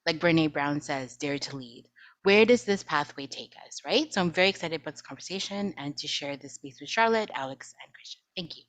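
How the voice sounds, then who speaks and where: A middle-aged woman consultant introducing herself on a video-call panel, earnest, and her voice often drops soft at the end of a phrase. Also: deep voice, animated, brisk. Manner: earnest, trailing off softly at phrase ends.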